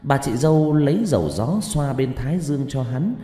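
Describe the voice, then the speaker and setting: Man telling a spooky story, mellow voice, lively delivery, reverby room w faint music. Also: mid-range voice, normal speed. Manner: expressive, dramatic storytelling. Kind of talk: ghost story narration. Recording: echoey room with long reverb.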